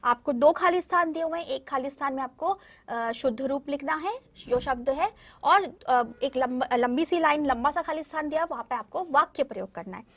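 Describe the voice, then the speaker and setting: A woman's voice: high-pitched, lively intonation, moderate pace, a bit bright. A woman teaching a primary school language lesson, patiently explaining step by step to young children and checking often that they follow. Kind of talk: recorded classroom lesson addressing children.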